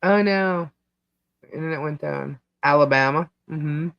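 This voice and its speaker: A woman from Long Island, New York, with a deep, gravelly voice and a slightly slow pace, hosts a live stream of casual, rambling chat punctuated by frequent laughter. Her bad connection causes dropouts, and the audio is dull, dry and lo-fi with no room sound.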